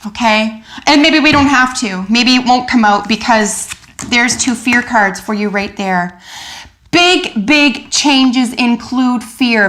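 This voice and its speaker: A woman's voice: on the high side, a little hiss or hum. Enthusiastic woman reading tarot. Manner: animated, enthusiastic, many fillers and restarts. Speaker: tarot reader. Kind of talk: general tarot reading to camera.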